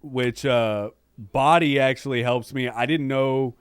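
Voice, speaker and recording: Male co-host, deadpan anecdotes, smooth clear voice, no room sound. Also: medium pitch, measured pace, no room sound, studio quality. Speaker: podcast co-host. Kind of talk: casual chat.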